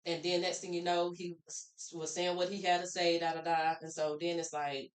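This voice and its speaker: A woman's voice: fairly low pitch, little pitch movement, normal speed. A woman guest on a podcast, telling personal stories in a candid, rambling way. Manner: candid, rambling storyteller who acts out quoted voices. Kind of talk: casual storytelling conversation. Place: podcast room. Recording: roomy echo.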